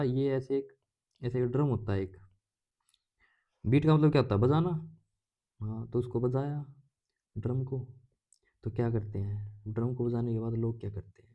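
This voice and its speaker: A warm, medium-pitched male voice leads a laid-back lesson on English idioms. He keeps questioning himself and replying, with lighthearted jokes mixed into the explanations.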